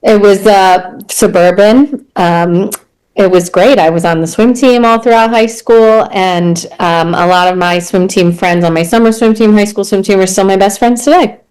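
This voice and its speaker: A woman's voice: mid-range voice, normal speed, darkish tone, clear, resonant tone. A woman in her thirties from New Jersey, a mom, teacher and coach, talking in a friendly, thoughtful way as an interview guest. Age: 30s. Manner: friendly, thoughtful, uses fillers. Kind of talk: casual interview.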